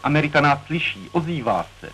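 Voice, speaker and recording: Guy announcing on an old radio broadcast, formal and measured, bit higher voice, crackly noisy old recording, far off mic. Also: big pitch swings. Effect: old archival radio recording.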